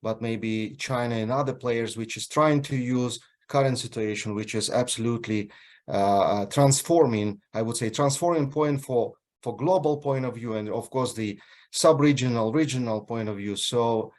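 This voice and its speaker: A man from Ukraine, moderating an online panel over a video call, halting often with filler sounds and restarts. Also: mid-range voice, a little mellow.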